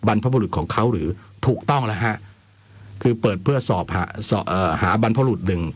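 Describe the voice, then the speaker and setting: Running a radio phone-in from a dry studio with no room sound, a male host chats and reads letters in an informal style peppered with wry asides. His voice sits on the low side, with lively intonation and a brisk pace.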